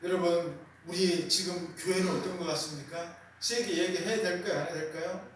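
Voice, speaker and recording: A man's voice: sits high, fairly even intonation, moderate pace, a little hiss or hum. A male pastor in a small church preaching a sermon, asking rhetorical questions and emphatically repeating key words. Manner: rhetorical questions with call-and-response. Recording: very echoey room, voice from a distance.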